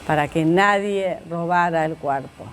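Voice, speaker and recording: A woman slowly telling a story as a meditation, pausing often and voicing the quoted lines of its characters. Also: lowish voice, a little hiss or hum.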